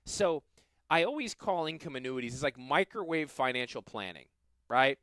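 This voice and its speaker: A middle-aged man with a Southern US accent, a financial planner hosting a radio show, explaining things in a lively, self-deprecating way. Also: medium pitch, no room sound. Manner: animated, self-deprecating, quick asides. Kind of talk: casual radio chat and explanation.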